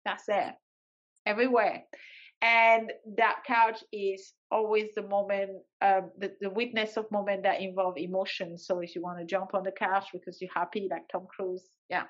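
A woman's voice: medium pitch, little pitch movement, moderate pace, few pauses. Woman life coach guest, playful and jokey, kinda muffled lo-fi sound. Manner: playful, joking. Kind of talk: casual interview chat.

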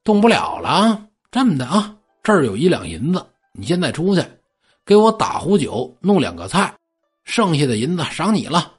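Man putting on a bossy imperial tax official, raised, brash voice, husky, lively pitch, storytelling. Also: moderate pace, soft background music. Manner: loud, swaggering, ordering people about. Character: brash, bossy Qing-era male tax collector.

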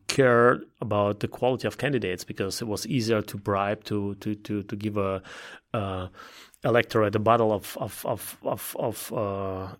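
A middle-aged man from Belarus with an Eastern European accent, explaining things as an interview guest in a halting way, repeating words as he searches for phrasing. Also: on the low side, fairly even intonation. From Belarus, Ukraine and Russia. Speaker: interview guest, political campaign consultant.

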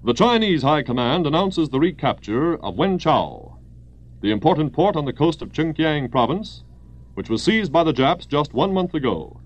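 A man's voice: fairly high pitch, very animated, normal speed, dull audio. An American man reading formal, declamatory wartime news bulletins as a 1940s radio newscaster, in an old newsreel manner.

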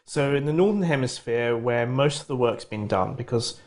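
List: man, middle-aged, academic guest, lively explainer, mid-pitched voice. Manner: lively lecturing, with quick bursts and restarts. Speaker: geography professor, interview guest. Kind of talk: conversational expert explanation.

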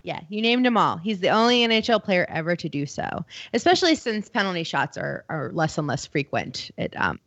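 A woman with a fairly low voice talks casually on a trivia panel. The recording is close and dry, slightly lacking in crispness. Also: sing-song, fairly quick, few pauses, a bit bright, no echo, muffled recording. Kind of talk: casual chat.

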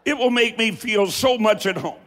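A man with an Appalachian accent preaching a folksy, dramatic sermon with deliberate, theatrical emphasis and pauses. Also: high voice, fairly bright tone. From Appalachia, United States. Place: large hall, preaching to a congregation. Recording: echoing large hall with long reverb.

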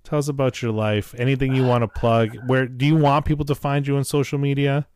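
A man's voice: medium pitch, little pitch movement, fairly quick, a little mellow, smooth, no room sound, studio quality. A man hosting a podcast in casual chat, joking in a self-deprecating and sometimes profane way, recorded at home in a basement. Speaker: podcast host. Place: wood-paneled home basement.

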